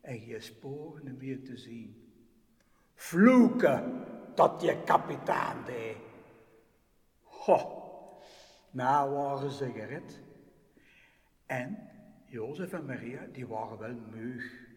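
Slow man telling a story. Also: medium pitch. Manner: lively, with big shifts between loud and hushed. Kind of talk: spoken storytelling. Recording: distant voice in echoey hall.

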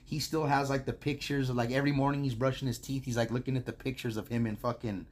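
An American man in casual podcast conversation. He talks in a frat-bro manner, loose and slangy, and swears heavily throughout. His voice sits at an ordinary male pitch. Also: steady tone, fast talker, a little hiss or hum. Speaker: podcast co-host. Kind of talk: casual chat.

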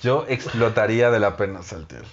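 Deep, lively comedian. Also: male voice, normal speed, muffled recording. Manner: dry, joking interjections. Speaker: podcast co-host, stand-up comedian. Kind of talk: casual chat.

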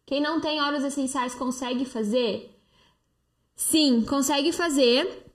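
Holding a phone close, a high-voiced Brazilian woman with a Brazilian Portuguese accent runs a live stream as a detox coach. She responds to viewer comments at a measured pace, chatty and persuasive, with fillers scattered throughout.

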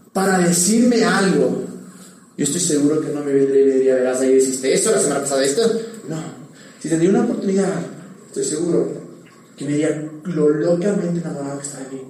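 A man preaching a candid, animated sermon as a pastor, with many restarts. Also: fairly high pitch. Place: church hall. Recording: echoey hall from far off.

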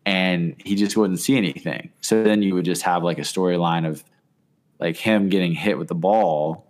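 A man with a very low voice co-hosting a casual podcast. He sounds relaxed and amused, mulling things over out loud. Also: normal speed. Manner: relaxed, amused, thinks aloud. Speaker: podcast co-host.

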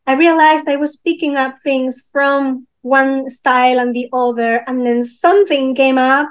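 This guest, a young Peruvian musician with a notably high voice, keeps a steady tone as she chats casually. She frequently hunts for words, leaning on fillers and restarting her phrasing.

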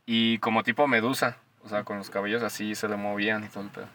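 A young man with a Mexican Spanish accent, chatting casually as a podcast co-host, slangy and animated, swearing freely. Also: lowish voice, fast, far from the mic, a little hiss or hum. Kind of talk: casual storytelling chat.

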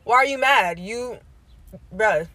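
Young woman, casual chat, playful, giggly, slangy, slightly high voice. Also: animated, slow, sharp tone, no room sound. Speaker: co-host. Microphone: camera.

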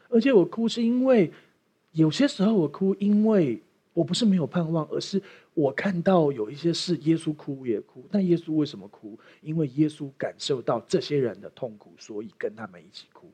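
A man's voice: on the high side, expressive, normal speed, dark tone, breathy edge. A man preaching a sermon as pastor, opening with a prayer and joking with the congregation. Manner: playful, jokey preaching with acted asides.

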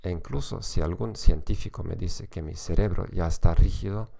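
A man with a German accent reads scripted podcast narration in a very low voice. There is plenty of gravelly creak in it. As a native German speaker, he delivers his lines carefully as a non-native host. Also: mellow.

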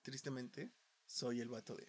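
A man with a Mexican Spanish accent, hosting a casual podcast chat and talking in an animated way, full of swearing, going from quiet asides to loud outbursts. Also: medium pitch, a little slow, breathy edge. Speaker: podcast host.

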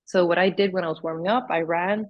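A woman's voice: fairly low pitch, fast. Woman telling a story, muffled audio. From Sweden. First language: Swedish. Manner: animated storytelling, acting out dialogue. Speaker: guest athlete. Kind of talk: casual chat.

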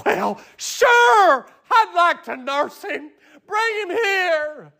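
A man voicing an anxious young mother praying for her baby, in a high pleading voice. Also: a little slow. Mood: tearful joy. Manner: pleading, high-pitched prayer.

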